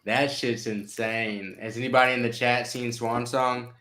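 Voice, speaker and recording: A young man on a livestream panel, speaking in a relaxed, slangy way. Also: mid-range voice, unhurried. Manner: relaxed, slangy, enthusiastic recommending. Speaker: panel guest. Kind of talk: casual chat. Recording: roomy echo.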